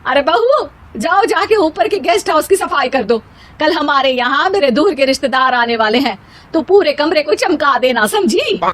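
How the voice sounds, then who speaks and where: Cartoon mother-in-law acted by a woman: high-pitched, bossy, melodramatic scold, long-suffering. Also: expressive, normal speed, a bit bright. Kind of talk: animated moral story character voice.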